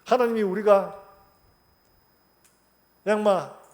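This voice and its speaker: A man's voice: high-pitched, takes it slowly, darkish tone. A middle-aged man preaching a sermon as pastor, telling a story animatedly and acting out its voices.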